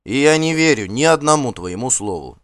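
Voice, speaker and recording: A man's voice: medium pitch, animated, brisk, fairly bright tone, dry recording, clean studio sound, pitched above the performer's own voice, natural voice. A man doing a cold, scornful Norse warlord. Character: stern, contemptuous male Norse warlord. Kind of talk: audiobook character voice.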